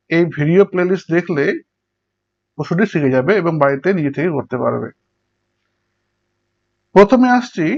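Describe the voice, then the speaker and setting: A male teacher explaining English prosody step by step to students and working through examples. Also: a little high. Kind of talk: Bengali lecture on English prosody. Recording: dull lo-fi recording.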